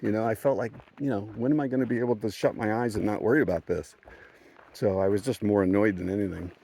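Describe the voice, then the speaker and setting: On a mountain trail, a thru-hiker vlogger tells a story for his hiking vlog in a fast, lowish voice with vocal fry and a dark tone. He's casual and rambling, chuckling as he goes and often restarting to correct himself.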